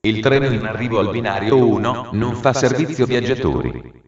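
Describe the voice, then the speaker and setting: A man giving automated train announcements as a railway station announcer, in a formal, measured way with segmented phrasing. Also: medium pitch, animated, very noisy. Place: large railway station, heard over loudspeakers. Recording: muffled, very echoey station PA, distant.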